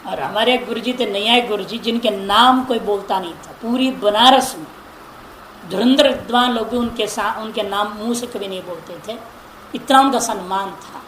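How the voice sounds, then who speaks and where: A man with a fairly high voice leads a Sanskrit grammar class, chanting declensions slowly and drilling the right pronunciation. His voice rings in an echoey room. Faint noise hums underneath. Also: a bit bright. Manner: recites word forms in slow drawn-out chants; corrects pronunciation with repeated examples.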